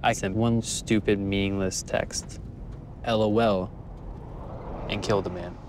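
A young man giving a quiet, remorseful documentary testimony. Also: lowish voice, fairly even intonation, a little slow, noisy background. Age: young adult. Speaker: interviewee. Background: soft guitar music.

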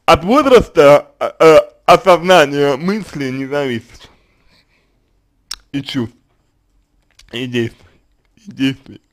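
Calm, hesitant man giving advice. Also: a little high. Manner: hesitant, many fillers and restarts. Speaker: consultant answering a question. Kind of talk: unscripted spoken advice.

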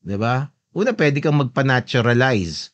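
A man's voice: medium pitch, expressive, normal speed, highs cut off. A man hosting a podcast, casually commenting on a video as he plays it, mixing Tagalog with English and often checking that his listeners agree. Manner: mixes Tagalog and English, often seeks agreement with a questioning tag. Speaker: podcast host.

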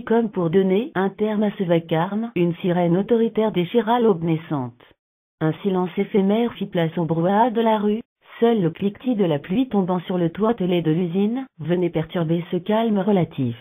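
A synthetic woman's voice reading a novel aloud in a flat, monotone way with uneven phrasing. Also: on the low side. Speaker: narrator. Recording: narrow phone-like sound.

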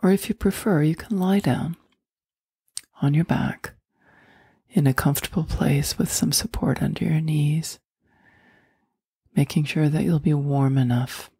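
A woman leading a guided meditation in a soft, soothing voice that often drops into a whisper. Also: low-pitched, fairly even intonation, measured pace, pauses often, husky, no echo, clean studio sound.

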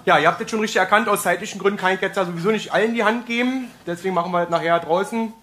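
Brash mock-grumpy man on stage, high voice. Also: rapid-fire, fairly bright tone. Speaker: stand-up comedian. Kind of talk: stand-up comedy on stage. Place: theater stage before audience. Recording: live stage with audience laughter and noise.

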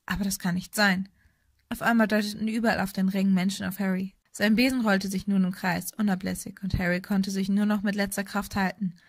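A woman narrating an audiobook with steady storytelling. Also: mid-range voice, fairly quick, few pauses, no echo, clean studio sound. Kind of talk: scripted narration.

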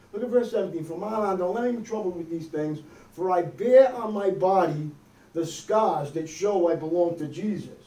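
A middle-aged American pastor with a high-pitched, mellow voice preaches conversationally, frequently checking in with "okay?" and "amen?". He's in a small church hall with a wood-paneled wall, captured by a distant camera with no visible mic, so the room sounds echoey and far off.

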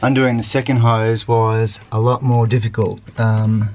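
A man in his forties on a sailboat, talking through an engine repair at a relaxed pace with plenty of ums. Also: lowish voice, measured pace, dull audio. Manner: relaxed, matter-of-fact, hesitant with ums. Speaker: sailing vlogger. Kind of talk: casual how-to narration. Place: aboard a sailboat, engine bay and deck outdoors. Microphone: handheld action camera.

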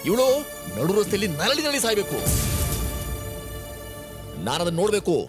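A man's voice: on the low side, big pitch swings, quick pace. An actor playing a bitter male police officer who talks sarcastically and threatens. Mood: menacing. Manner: sarcastic, menacing. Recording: film soundtrack with music.

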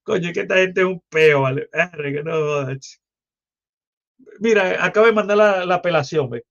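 A man's voice: high voice, moderate pace, creaky, a bit bright. A Venezuelan man with a Venezuelan accent, hosting a livestream and ranting in a crude, mocking, rambling way. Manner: foul-mouthed, mocking, loose and rambling. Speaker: livestream host. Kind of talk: crude political livestream rant. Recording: muffled lo-fi livestream audio.

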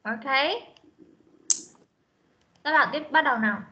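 A fairly high-voiced woman teacher runs an online English lesson, correcting pupils and repeating each word slowly and sternly. The call audio sounds muffled and dull. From Vietnam. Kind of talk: online class pronunciation drill. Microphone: video call.

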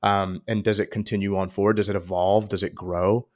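A man's voice: fairly low pitch, level tone, a little fast, a little mellow. A man speaking as a podcast guest, thinking aloud and hedging with ums as he goes. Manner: thoughtful, hedging, with many ums. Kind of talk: casual interview chat.

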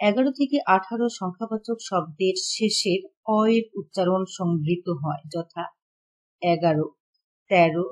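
A woman's voice: medium pitch, a little mellow. A woman teacher giving an online lesson, explaining rules step by step and reading out lists of examples. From Bangladesh.

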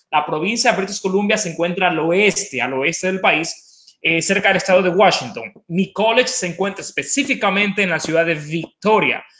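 He's a college representative with an Ecuadorian accent, speaking as a webinar guest in an informal promotional interview over video call from his home living room with an open kitchen. High-pitched and fairly bright, he explains things enthusiastically and stresses points by repeating words, all against a roomy echo.

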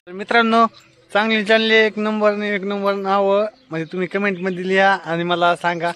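A man's voice: high-pitched, clear, resonant tone. Chatty young man vlogging outdoors. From Maharashtra, India. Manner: chatty and repetitive, often calling loudly to his wife. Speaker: family vlogger. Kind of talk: casual vlog talk to viewers. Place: outdoors by a house.

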